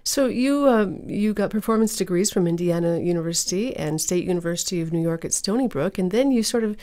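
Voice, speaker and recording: A woman speaking as a public radio host, presenting classical music and interviews in a measured, conversational announcer's manner. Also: on the low side, lively intonation, mellow. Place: radio studio.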